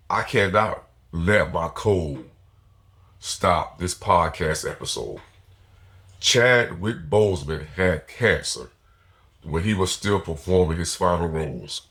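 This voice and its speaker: Sitting low in pitch with a bit of brightness, this male motivational podcast host sounds congested and foggy from a cold. Still, he leans into his words with earnest emphasis.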